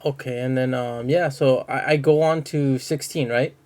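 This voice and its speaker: A man with an ordinary mid-pitched voice chats informally about scripture, asking questions and reading verses aloud. He sounds plain and unpolished, and he loses his place at times. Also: steady tone, moderate pace, darkish tone. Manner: questioning, informal, apologetic slips. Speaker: Bible study partner. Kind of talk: casual Bible discussion.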